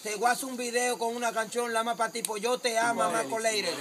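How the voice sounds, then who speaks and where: A man's voice: very high-pitched, level tone, brisk. A young man with a Dominican accent, improvising joking, boastful rhymes among friends outdoors by a fountain. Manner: joking, boastful, rhyming banter. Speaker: video host. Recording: loud crowd around the mic.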